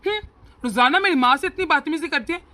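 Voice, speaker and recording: A woman's voice: high voice, lively intonation, fast talker, bright, forceful tone. A woman voicing a hot-tempered young husband in a cartoon who blusters and threatens his wife. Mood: threatening.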